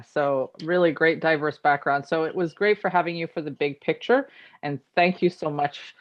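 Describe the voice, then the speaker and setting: A woman with a lowish voice hosts an online meetup, quizzing guests in a loose, chatty manner. Her voice comes through a video call with slightly muffled, lo-fi sound. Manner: informal, chatty questioning. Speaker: host.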